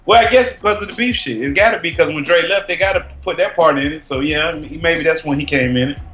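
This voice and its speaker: A man's voice: on the high side, quick pace, fairly bright tone, echoey room, faint music behind. A man co-hosting a casual podcast chat, hesitant and rambling, cursing freely. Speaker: podcast co-host.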